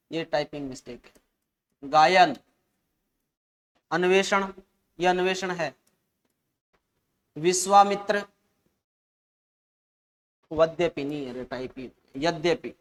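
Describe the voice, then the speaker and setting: A man's voice: high voice, a bit bright. A man teaching an exam-prep lesson, chatty and often calling listeners "saahab" and "bhai".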